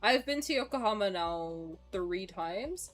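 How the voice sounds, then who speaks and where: In a casual live stream, a woman in her twenties plays a game and chats lively with viewers, sometimes swearing and reading game text aloud. Her mid-range voice has lively intonation and a slightly slow pace, with faint music behind.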